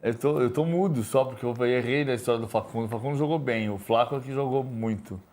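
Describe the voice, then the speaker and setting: Brazilian male football pundit, mid-pitched, rambling studio talk with frequent restarts. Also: fast, a little mellow. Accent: Brazilian Portuguese. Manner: rambling, repeats words while thinking. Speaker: sports commentator. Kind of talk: studio sports debate.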